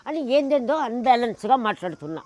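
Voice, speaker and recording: A woman's voice: a little high, very animated, quick pace, darkish tone. A woman in an interview, telling a personal story with emphasis, acting out the people in it and firing off indignant rhetorical questions. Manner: acts out the people in her stories.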